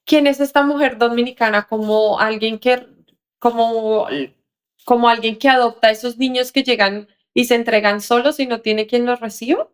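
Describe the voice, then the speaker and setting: Smooth, higher-voiced woman interviewer. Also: fairly even intonation, moderate pace. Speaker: host. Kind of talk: interview questions.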